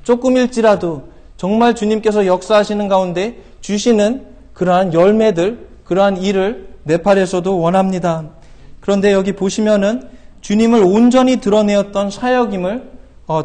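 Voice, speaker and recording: A middle-aged man preaching a sermon in a church, earnest and exhorting, with rhetorical questions and frequent hesitations. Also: sits high. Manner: shouts quoted scripture loudly and slowly. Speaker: missionary preacher. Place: church sanctuary.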